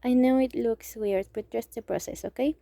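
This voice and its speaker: This clip features a young woman from Mexico, an amateur artist with a Mexican Spanish accent, for whom English is a second language. She talks casually through drawing a picture, hesitant and halting as she thinks aloud, in a soft, creaky, fairly high voice that sometimes falls to a near whisper. No echo is present.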